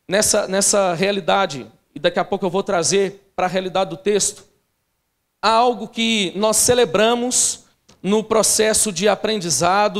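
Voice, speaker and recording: High-voiced pastor telling a family story. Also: male voice. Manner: personal storytelling with asides to the congregation. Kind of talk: sermon.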